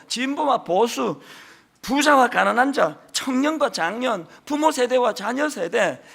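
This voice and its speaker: A man's voice: very high voice, creaky. A middle-aged man with a strong Gyeongsang accent, preaching a Sunday sermon as senior pastor in an emphatic way, with folksy asides. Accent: Gyeongsang Korean. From Gyeongsang region, South Korea. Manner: emphatic, rising to forceful peaks, folksy asides.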